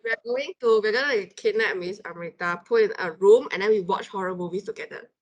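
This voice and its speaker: A woman's voice: mid-range voice, a little fast, lo-fi sound. A woman podcast host with a Malaysian English accent, chatting casually and reacting with playful, dramatic exclamations.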